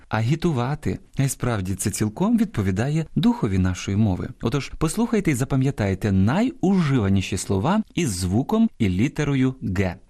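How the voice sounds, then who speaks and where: A man hosting an educational radio program on language, explaining words in a measured way and stressing each example. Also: mid-range voice, warm tone. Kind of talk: scripted educational radio talk.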